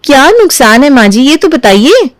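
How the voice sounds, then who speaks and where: A woman's voice: high voice, big pitch swings, moderate pace, no echo. A woman voicing a sensible young sister-in-law in a cartoon who tries to talk sense into him. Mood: persuasive. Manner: persuasive, chatty.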